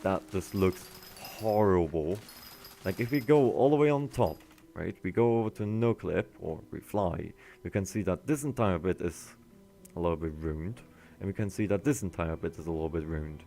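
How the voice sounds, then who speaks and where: A man's voice: low voice, moderate pace, warm tone. A young man casually commenting on his gameplay as a streamer, rambling and often restarting his sentences.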